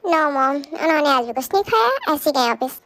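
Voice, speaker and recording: A woman's voice: sits high, big pitch swings, a little fast, a bit bright, full character voice. A woman voicing a young wife who pleads and talks emotionally, in a fan audio drama dub. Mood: sad. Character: young wife, tearful and longing.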